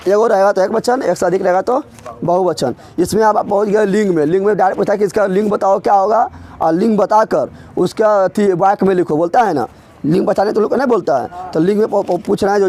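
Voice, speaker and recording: A man from Bihar with a high-pitched, darkish voice teaches an exam-prep grammar lesson. He drills his students with repeated questions and teases them along the way.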